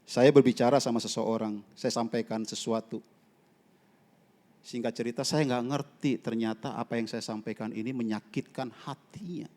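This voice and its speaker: Preacher in echoing church. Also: male voice, mid-range voice. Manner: dramatic swings from loud emphasis to near-hushed storytelling. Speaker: evangelist preaching. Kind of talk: sermon. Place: church sanctuary. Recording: long reverb of a church hall.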